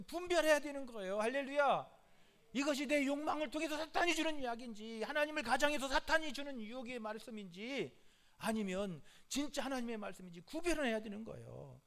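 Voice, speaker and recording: A man's voice: very high-pitched, lively intonation, a little fast, fairly bright tone. A male pastor preaching a midweek sermon in an emphatic, repetitive way, calling out hallelujah often.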